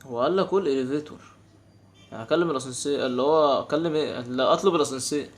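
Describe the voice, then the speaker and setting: A young man with an Egyptian Arabic accent giving casual, exasperated commentary while playing a game. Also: medium pitch. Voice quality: quick, animated, exasperated banter. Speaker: gaming channel host.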